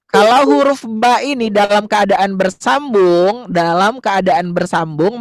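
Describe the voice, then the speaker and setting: A man's voice: high voice, no echo, clean studio sound. A man teaching young children to read Arabic letters, patiently repeating words and coaxing answers in call-and-response.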